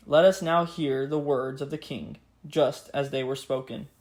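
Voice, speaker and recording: A man giving a scripted history narration in a grave, measured, earnest way, as a podcast host. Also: medium pitch, steady tone, darkish tone. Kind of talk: scripted history narration with a solemn read-out speech.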